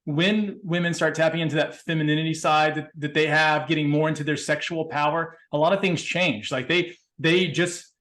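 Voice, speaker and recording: Higher-voiced man asking rambling questions. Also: fairly even intonation, fairly bright tone. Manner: halting, repeats words while asking long questions. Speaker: co-host. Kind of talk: casual podcast chat.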